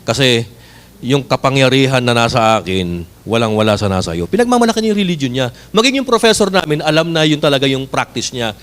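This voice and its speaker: A Filipino man preaching a sermon, telling stories and reading scripture in English with a Filipino accent. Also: mid-range voice. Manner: mixes Tagalog with English scripture quotes, lively storytelling.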